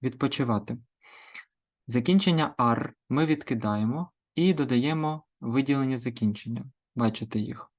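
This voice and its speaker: A male language teacher giving a grammar lesson, slowly and deliberately drilling verb forms word by word. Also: medium pitch.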